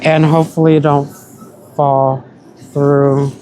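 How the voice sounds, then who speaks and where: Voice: medium pitch, level tone, slow, warm tone, slight background noise, poor audio. A vlogger with an American country accent, chatting casually to viewers while shopping in a store and calling them y'all. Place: store, indoors.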